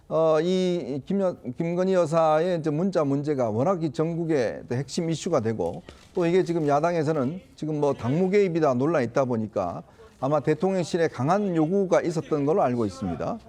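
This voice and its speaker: Male pundit, slightly high, mellow tone, measured explanatory delivery. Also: animated. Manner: explanatory, measured, with small laughs. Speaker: political commentator. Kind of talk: talk show analysis.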